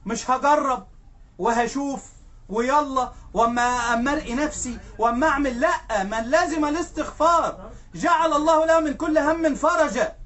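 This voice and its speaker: A man's voice: extremely high pitch, normal speed, fairly bright tone. A man with an Egyptian accent preaching a conversational sermon, telling stories and often checking in with his listeners. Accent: Egyptian Arabic. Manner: storytelling, keeps asking "right?". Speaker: sheikh preacher.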